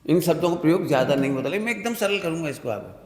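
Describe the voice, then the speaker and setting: A man teaching a religious workshop, slowly explaining with everyday examples and often asking whether everyone understood. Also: on the high side, lively intonation, darkish tone. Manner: keeps asking listeners if they understood. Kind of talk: classroom-style religious discourse. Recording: reverberant hall sound.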